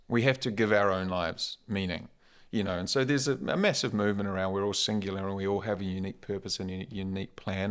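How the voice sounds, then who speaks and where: A man's voice: on the low side, a bit bright. A man with a New Zealand accent talking casually and reflectively as a podcast guest, in a wry, informal, philosophical way.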